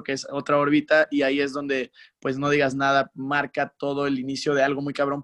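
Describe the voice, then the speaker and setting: A young man with a Mexican accent chats as a guest in an interview. He talks in an animated, slangy way, acts out his own reactions, and sits a little higher than most men. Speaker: musician guest. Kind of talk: casual interview chat.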